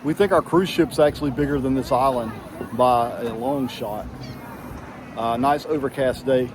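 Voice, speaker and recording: A man with a medium-pitched voice talks at a normal speed, narrating a casual travel vlog in a laid-back, folksy way. He's outdoors on walkways, a boat and an island, with music and a crowd making noise behind him.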